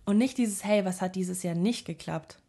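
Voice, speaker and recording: A woman's voice: mid-range voice, moderate pace, dark tone. A young woman speaking to her viewers in a casual, reflective monologue, giving earnest self-help advice with lots of fillers and restarts.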